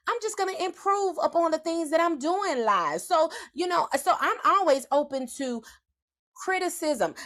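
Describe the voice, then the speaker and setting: A woman with a Southern US accent hosting a live stream, giving a loud, folksy, conversational motivational talk. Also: high voice. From Southern United States.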